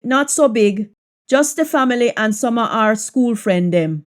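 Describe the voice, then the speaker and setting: Female language teacher, Jamaican Patois, slightly high voice, very unhurried, repeats example sentences deliberately. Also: lively intonation. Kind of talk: Jamaican Patois lesson, practice sentences said in English then repeated in Patois.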